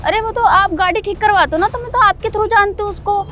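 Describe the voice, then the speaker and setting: A woman's voice: very high-pitched, brisk, a bit bright, lo-fi sound. A woman acting a defiant, argumentative wife in a scripted drama. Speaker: scheming wife in a short drama. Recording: faint background music.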